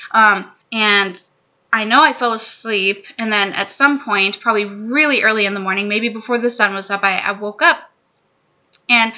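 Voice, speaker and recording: Here a twenty-something woman recounts a personal testimony on camera, candid and vlog-style, in a small room. Her voice has a medium pitch and sounds pushed and bright. Dull lo-fi audio comes from a desk-distance webcam or laptop mic.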